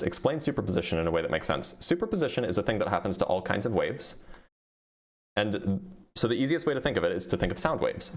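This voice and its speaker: A physicist with a fairly low-pitched male voice reads viewer questions aloud on a casual livestream. He answers them plainly with frequent ums as his voice starts to give out.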